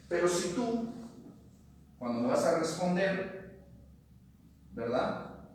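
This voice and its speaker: A man's voice: sits high, slight background noise. A man teaching a Bible study class, asking questions and reading verses aloud. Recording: echoey room, mic at a distance.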